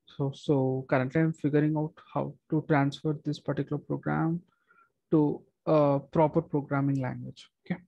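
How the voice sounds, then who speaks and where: A young man who is a structural engineer, giving a methodical screen-recorded software walkthrough with frequent fillers and restarts. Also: fairly high pitch, flat delivery, moderate pace, creaky, dry recording, muffled recording.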